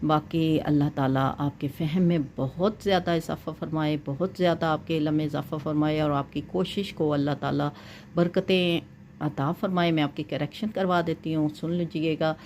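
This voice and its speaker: A woman teaching Quran recitation rules, explaining each point patiently and chanting verses slowly to demonstrate. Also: low-pitched, fairly even intonation, darkish tone, a little hiss or hum. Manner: often checks in with "thik hai". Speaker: tajweed teacher. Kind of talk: Quran recitation lesson with corrections.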